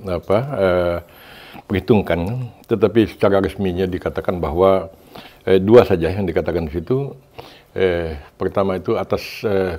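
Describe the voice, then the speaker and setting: A man in his sixties, a former ambassador, answering interview questions over a video call in a measured way with many hesitations. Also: deep voice, dark tone. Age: 60s. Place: Tokyo.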